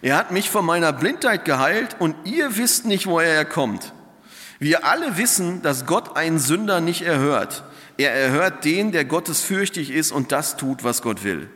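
An earnest, steadfast young man, voiced by a male reader in a scripture reading, speaking plainly and firmly. His pitch moves expressively through each sentence. A long church reverb trails behind. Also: very animated, moderate pace, sharp tone. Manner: earnest, plain-spoken insistence.

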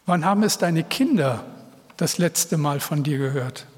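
A middle-aged male pastor preaching an earnest, heartfelt sermon to his congregation, with pauses between phrases. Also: a little high, expressive. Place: church hall. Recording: reverberant church hall. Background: long reverb.

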